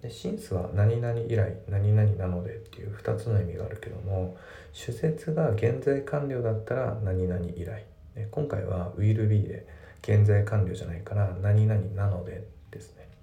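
A male English teacher explaining grammar and pronunciation step by step, reading example sentences slowly. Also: on the low side, vocal fry, dark tone, lo-fi sound. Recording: echoey room, distant mic.

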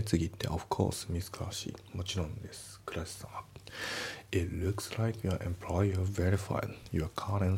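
A man giving a relaxed, step-by-step spoken English lesson, reading the sample sentences slowly. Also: sits low, gravelly, husky. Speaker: English teacher.

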